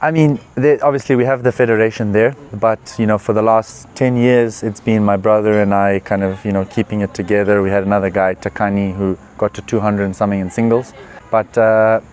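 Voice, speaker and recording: A young man with a somewhat low voice answers interview questions in a relaxed, earnest way. He often pauses on "uh" and "you know" as he thinks. A faint background noise runs under the recording. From Zimbabwe. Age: 20s. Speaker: professional tennis player. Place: tournament venue.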